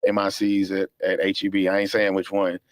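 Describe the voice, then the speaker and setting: A middle-aged man hosting a podcast, telling stories casually with plenty of swearing and slow, drawn-out pauses while he thinks. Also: low-pitched, completely flat delivery, over a noisy crowd. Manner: laid-back storytelling, profane, drawls when thinking. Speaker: podcast host.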